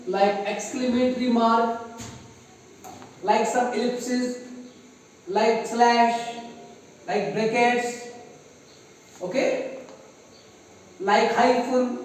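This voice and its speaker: A man teaching grammar in a classroom, speaking slowly and repeating key terms. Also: very high-pitched. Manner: slow, deliberate, repeats key terms, mixes in Hindi. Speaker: English teacher. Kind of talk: classroom lecture at a board. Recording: echoey classroom, distant mic, faint noise.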